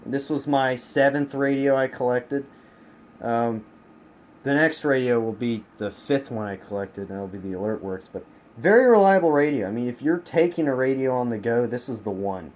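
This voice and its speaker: A man from the United States with a medium-pitched, darkish voice presents his radio collection in a relaxed, unscripted review, frequently saying things twice for emphasis. He stands behind a handheld camera indoors at home, and room noise is clearly audible.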